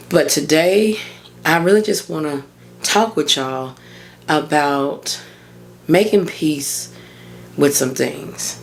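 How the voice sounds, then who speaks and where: This mindset coach, a woman in her thirties, runs a relaxed solo podcast with a low, hoarse voice, offering her audience friendly encouragement. There's a slight amount of background noise.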